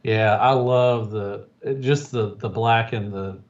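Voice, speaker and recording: A man's voice: fairly low pitch, slow. A man co-hosting a casual podcast who talks eagerly about toys. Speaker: podcast co-host. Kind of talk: casual chat. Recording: distant and dull.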